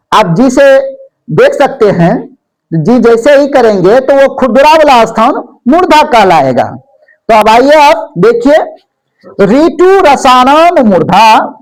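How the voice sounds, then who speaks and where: A woman's voice: high-pitched, low-quality recording. A woman teaching a grammar lesson, repeating each term and asking and answering her own questions. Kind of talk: classroom lesson.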